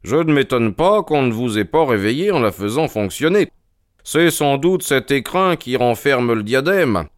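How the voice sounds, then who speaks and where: A man voicing a calm, methodical detective who questions in a measured, inquisitive way. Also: mid-range voice, no room sound, clean studio sound, natural voice. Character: sharp, calm male detective, keen and methodical. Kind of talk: audiobook character reading.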